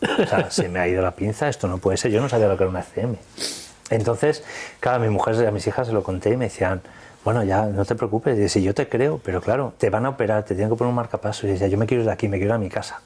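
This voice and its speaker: Man, low-pitched, rapid delivery, retells conversations with animation; interview guest. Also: breathy edge. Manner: animated, acts out dialogue in retelling. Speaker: guest telling his story. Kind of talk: casual storytelling interview.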